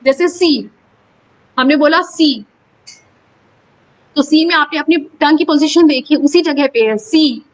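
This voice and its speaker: Woman teacher, high voice, slow deliberate pace, stretches and stresses syllables, pronunciation lesson. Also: poor audio. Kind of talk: classroom lesson on English pronunciation.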